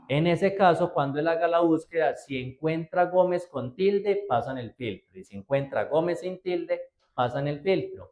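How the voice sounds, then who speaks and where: A man's voice: a little high, darkish tone. A man teaching a spreadsheet class, explaining step by step in a patient way and often checking that his students follow. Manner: patient, step by step, checks understanding with frequent "¿cierto?". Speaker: computer class instructor.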